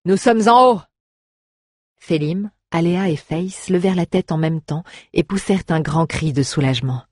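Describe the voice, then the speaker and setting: Husky, measured audiobook narrator. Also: mid-range voice, dry recording, clean studio sound. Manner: even, measured storytelling. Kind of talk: scripted narration.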